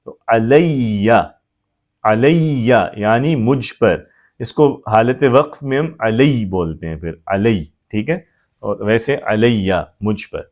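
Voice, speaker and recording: A man's voice: medium pitch, darkish tone. A man teaching Arabic grammar, patiently repeating each form and often checking that the class has understood. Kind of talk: explanatory grammar lesson.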